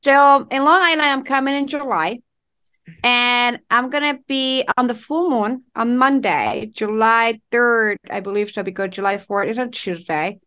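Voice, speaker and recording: A woman from Ecuador, a relationship and intimacy coach, speaking as a guest in an interview, expressive and flowing, stringing words together in slow runs. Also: a little high, clean tone. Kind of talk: conversational interview.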